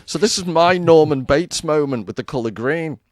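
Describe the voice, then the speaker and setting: A man's voice: fairly high pitch, normal speed, no echo, clean studio sound. A man co-hosting a podcast, chatting casually in a playful, self-mocking way and laughing often. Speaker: podcast co-host. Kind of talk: casual conversation.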